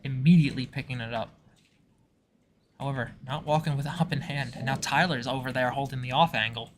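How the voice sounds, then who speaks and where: A young man casting a live college esports match, calling the action in quick bursts that climb into excited exclamations over a headset mic. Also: mid-range voice. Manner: fast, excitable play-by-play with rising exclamations. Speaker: esports caster. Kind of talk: live esports play-by-play commentary.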